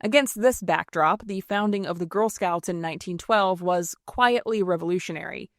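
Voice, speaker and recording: A woman's voice: lowish voice, normal speed, dry recording, clean studio sound. A woman hosting a history podcast, reading scripted narration in a snarky, irreverent way.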